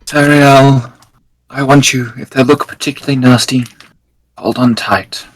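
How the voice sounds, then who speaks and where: Guy doing rpg roleplay, raspy medium voice, giving lines in character. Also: medium pitch, steady tone, a little slow, low-quality recording. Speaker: tabletop game player. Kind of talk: in-character role-play.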